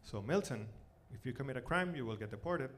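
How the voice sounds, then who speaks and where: The voice of this Venezuelan stand-up comic is bright, medium in pitch, and lively in its intonation, and Spanish is his first language. Performing live on a club stage, he tells conversational stories haltingly, repeating words and using "you know" and "like," all in a noisy recording.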